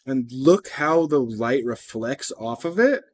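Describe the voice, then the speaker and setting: A man's voice: medium pitch, animated, slow pace. A man hosting a reaction video, chatting casually with skeptical asides and the odd swear word.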